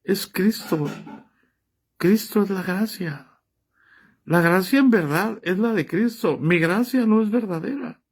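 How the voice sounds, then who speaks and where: Guy with a high voice preaching, reads bible verses then throws questions at the crowd. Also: takes it slowly. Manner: fires rhetorical questions at listeners; reads scripture aloud and comments on it. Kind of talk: sermon.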